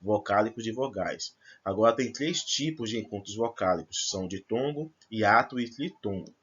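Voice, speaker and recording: A man's voice: on the low side, normal speed, fairly bright tone, husky, lo-fi sound. A man teaching a grammar lesson to first-year students, explaining step by step and checking in with his class. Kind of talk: recorded remote class lesson.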